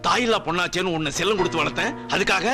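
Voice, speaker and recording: A man's voice: high-pitched, racing, over music. An actor playing a hot-tempered, gun-waving middle-aged father who scolds and threatens in melodramatic film dialogue. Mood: scolding.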